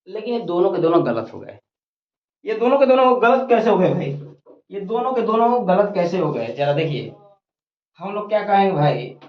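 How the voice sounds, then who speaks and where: Lively-pitched tutor teaching grammar step by step, in an echoey room on dull, lo-fi audio. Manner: repeats each point, asks questions and answers them. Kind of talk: whiteboard grammar lesson. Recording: roomy, dull lo-fi recording.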